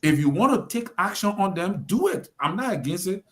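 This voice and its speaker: This Liberian-accented radio panelist speaks briskly in a high register, his pitch swinging widely. He lectures with emphasis as he offers political commentary, addressing the president head-on.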